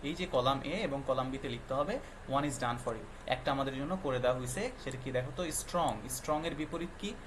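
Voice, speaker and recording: A man's voice: medium pitch, brisk, noisy background. Patient man teaching young children. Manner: patient, quizzing with frequent questions; mixes English words into explanations. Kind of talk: classroom explanation for young children.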